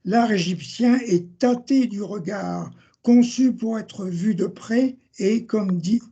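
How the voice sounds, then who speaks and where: An older man giving an academic seminar lecture, reading measured passages from his notes, citing sources and page numbers, and correcting himself now and then. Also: high-pitched, gravelly, mellow, husky, highs cut off.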